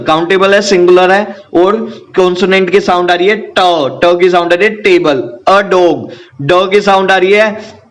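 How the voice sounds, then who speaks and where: A man teaching a grammar lesson, who asks the class questions and answers them himself while repeating the key points. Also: sits high.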